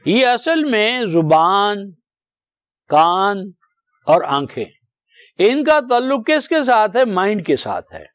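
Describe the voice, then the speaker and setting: An older man in his seventies delivers a Quran commentary lecture in a high, thin voice. He explains each word patiently, keeps asking rhetorical questions and draws out verses in slow recitation. The sound is dry and close, with no room around it. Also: big pitch swings, fairly bright tone, no room sound. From Pakistan. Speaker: Quran teacher.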